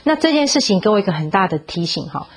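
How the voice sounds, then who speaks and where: A woman's voice: very animated, fast talker, husky. A woman giving a parenting talk, telling a Bible story and coaxing the audience with questions, slipping in English words. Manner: acts out quoted voices with rising pitch. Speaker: parenting speaker.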